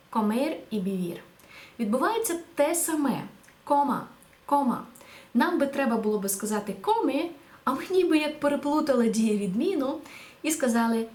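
Female teacher, patient, fairly high voice with lively pitch; echoey room. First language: Ukrainian. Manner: lively, patient explaining with rhetorical questions. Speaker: Spanish teacher. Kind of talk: video language lesson.

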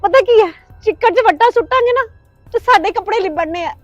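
A woman acting as a tearful, defiant young mother in a family drama, with a very high voice. The sound is dry with faint music behind. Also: brisk, no room sound, highs cut off. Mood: hurt.

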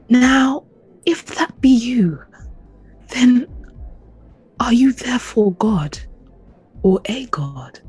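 A woman playing a proud, menacing king who taunts a prisoner in a slow, deliberate, imperious way in an audio play. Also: mid-range voice, a little mellow, husky, exaggerated voice, low-quality recording. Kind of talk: dramatic audio play acting.

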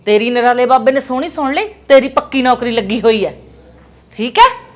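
A caring, worried mother, played by an actress fusses and coaxes her grown son. Her voice sits a little high. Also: expressive, moderate pace. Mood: fussing. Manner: fussing, coaxing, motherly.

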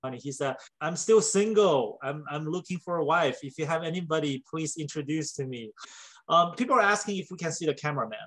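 A man's voice: a little high, expressive, fairly quick, fairly bright tone, low-quality recording. A man hosting a casual livestream at an outdoor night market, asking curious questions and translating for viewers. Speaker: livestream host.

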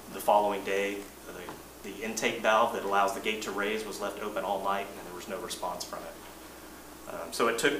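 A man, an engineering manager, presenting updates to a board in a measured, plain-spoken way, often restarting his sentences. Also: fairly low pitch, bright, forceful tone. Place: boardroom meeting. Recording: roomy distant mic, noisy meeting room.

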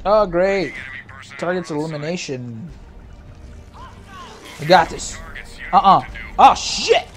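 A man giving live, excitable commentary over a video game, often shouting and swearing. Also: a little high, slow pace, pauses often, soft background music. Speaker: gameplay commentator.

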